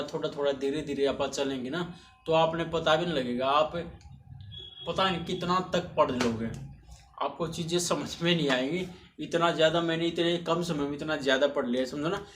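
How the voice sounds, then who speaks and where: A man who teaches English grammar in a relaxed classroom way. He repeats points and keeps asking "right?" to check in with his students. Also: on the high side, moderate pace. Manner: repetitive, encouraging, frequent tag questions. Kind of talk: casual classroom explanation. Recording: echoey room with faint hiss.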